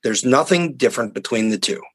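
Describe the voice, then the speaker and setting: A man's voice: medium pitch, animated, a little fast, fairly bright tone, husky, poor audio. A man, a university scientist, speaking as a guest in an interview, explaining things in an earnest, plain-spoken way. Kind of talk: conversational interview.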